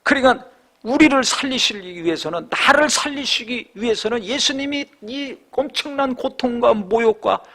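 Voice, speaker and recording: Preaching a sermon full of rhetorical questions, a male pastor with a very high voice moves between loud exhortation and quiet reflection. He talks at a normal speed.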